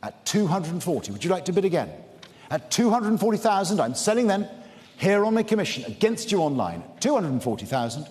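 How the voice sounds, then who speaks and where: High-voiced male fine art auctioneer, echoing hall. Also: very animated, darkish tone. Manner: formal, measured repetition of bid figures. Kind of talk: live auction calling of bids. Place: large indoor auction room. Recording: echoey saleroom with long reverb, background noise.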